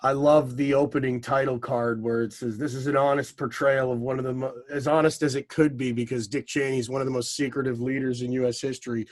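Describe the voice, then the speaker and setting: A man co-hosting a film podcast, chatty and enthusiastic, with quick asides. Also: mid-range voice, flat delivery, no echo. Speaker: podcast co-host. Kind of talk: casual film talk.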